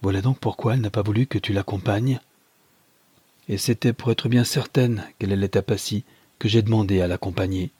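A man reading a novel aloud, voicing a possessive older mother who speaks slowly and insistently. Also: lowish voice, steady tone, dark tone, slightly rough, dry recording. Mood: coldly insistent. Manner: slow, measured, insistent. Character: Madame Daliphare, cold possessive mother, slow and deliberate.

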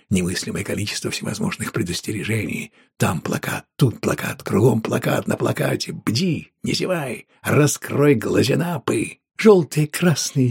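Gravelly man narrating an audiobook. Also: mid-range voice, no echo, studio quality. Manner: lively, colloquial storytelling.

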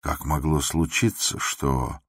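A man narrating a literary drama in a measured, grave manner. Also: rumbling low, fairly even intonation, no room sound, clean studio sound.

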